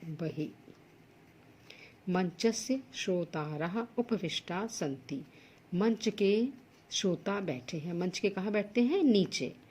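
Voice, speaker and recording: A woman teaching a school Sanskrit lesson, reading each word aloud before explaining it in simple terms. Her voice is husky and sits a little low. She moves at an unhurried, deliberate pace. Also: lively intonation, a little mellow. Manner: reads each Sanskrit word, then explains it plainly in Hindi. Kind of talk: school lesson going through textbook exercises.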